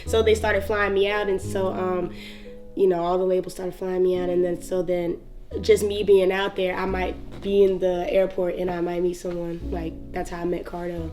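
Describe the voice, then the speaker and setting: A woman's voice: fairly low pitch, little pitch movement, moderate pace, mellow, soft background music. A young woman from North Carolina with a Southern accent, a rapper telling stories in an interview, laid-back and laughing often, with lots of "like". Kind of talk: casual interview storytelling.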